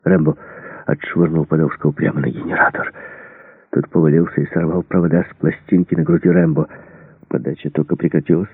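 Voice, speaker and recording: Very deep gravelly man narrating. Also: flat delivery, fairly quick, dry recording. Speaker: audiobook narrator. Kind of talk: scripted narration of an action novel. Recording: dry, tinny phone-like sound.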